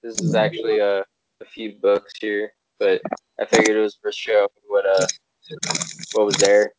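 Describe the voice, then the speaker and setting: A man's voice: lowish voice, monotone, normal speed, background noise. A man co-hosting a podcast in casual, conversational talk. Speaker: podcast co-host. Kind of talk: casual chat. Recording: dry, slightly muffled mic.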